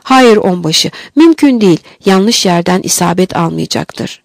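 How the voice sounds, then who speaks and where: A woman voicing a gentle, timid retired army captain who talks in a mild, thoughtful way. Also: fairly low pitch, lively intonation, measured pace, creaky, dry recording, full character voice.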